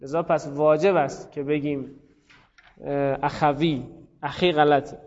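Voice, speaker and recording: A man's voice: fairly high pitch, steady tone, a little mellow, long reverb tail, lo-fi sound. A man teaching a grammar class, calling on students by name and thinking aloud. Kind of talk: classroom lesson on Arabic grammar.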